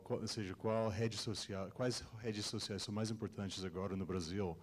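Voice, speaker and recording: A man's voice: sits low, darkish tone. A man from the United States, a native English speaker, asking a question at a conference in American English-accented Portuguese, hesitantly searching for words. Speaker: audience member asking a question.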